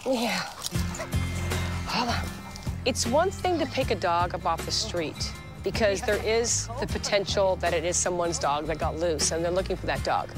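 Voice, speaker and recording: Outdoors among open fields and lots, a middle-aged shelter operator for rescued animals talks at a moderate pace in a fairly low voice with lively intonation. Her lapel-miked speech for a reality TV show is plain-spoken and direct, sprinkled with casual fillers, and set against background music in interview and on-location scenes.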